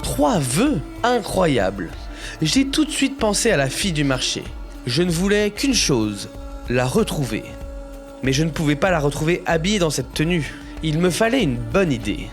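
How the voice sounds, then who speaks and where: A man playing young Aladdin, telling his own adventure in expressive, suspenseful storybook narration. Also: on the high side, normal speed. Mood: amazed, eager. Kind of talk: dramatic scripted first-person storybook narration. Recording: music bed behind narration.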